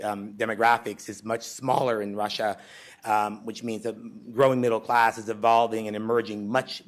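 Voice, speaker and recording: A Greek man in his forties giving a conversational conference presentation, with frequent ums and restarts. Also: on the low side. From Greece. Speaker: conference speaker. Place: lecture hall at a symposium.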